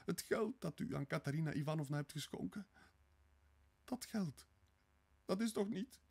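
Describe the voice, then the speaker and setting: A man voicing a distraught, pleading young woman in an audiobook reading, raising his voice high and frantic. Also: normal speed, gravelly, a little mellow, husky.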